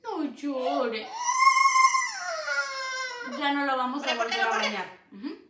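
A woman's voice: high-pitched, takes it slowly, shouting, recorded from a distance. A woman hosting a pet vlog, talking to her parrots in coaxing baby talk at home. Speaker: pet parrot channel host. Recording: echoey room, away from mic, noisy.

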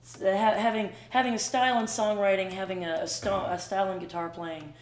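A middle-aged woman hosting a casual chat, speaking in a halting, self-deprecating way. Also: mid-range voice, fairly even intonation, roomy sound. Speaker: host, singer-guitarist. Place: small wood-paneled room at home.

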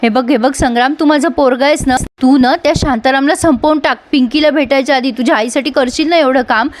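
A scheming middle-aged mother who gives urgent, commanding orders, read out by a woman. The voice is high, and the lines come from a TV serial recap. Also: quick pace, a little hiss or hum, close to an everyday voice. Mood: pleading.

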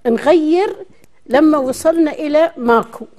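An older woman with a Kuwaiti accent speaks as an interview guest in a television studio. Her voice sits a little high for a woman and has a very mellow, rounded tone. She talks conversationally, explaining things to her interviewer. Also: moderate pace. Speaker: interview guest, dialect historian.

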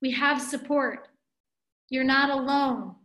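Speaking slowly in a high, fairly bright voice, a woman in her forties gives a spiritual webinar to viewers. She sits in her living room on a video call, the webcam picking up roomy sound, and she gestures while thinking out loud.

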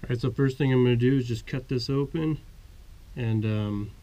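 At normal speed, with a warm mid-range voice, an American man in his thirties presents to camera from a small desert rock cave, explaining his work in a casual, easygoing way with some hesitation. The outdoor vlogger's recording is low quality, with faint ambient noise.

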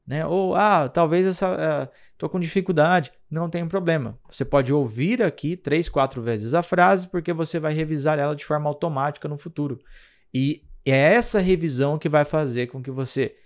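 A man with a Brazilian accent talks through a screen-recorded app lesson as the teacher. His voice sits a little high, and he explains patiently, often pausing to check that the listener follows. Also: darkish tone. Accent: Brazilian Portuguese. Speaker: English teacher.

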